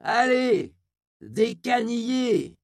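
A man shouting as a raspy, foul-mouthed old crone. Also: very high voice, very animated, drawn-out words, dry recording, studio quality, voice pushed up, exaggerated voice. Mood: scornful yelling. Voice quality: raspy but powerful. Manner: foul-mouthed slangy yelling. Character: crude, fierce old woman haranguing a crowd.

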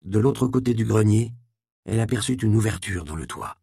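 A man narrating a storybook in a measured, expressive reading. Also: lowish voice, gravelly, no room sound, studio quality.

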